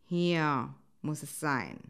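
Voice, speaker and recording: A woman voicing a lonely, grim male wolf in a storybook, speaking in a slow, low murmur. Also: lively intonation, gravelly, heavily acted.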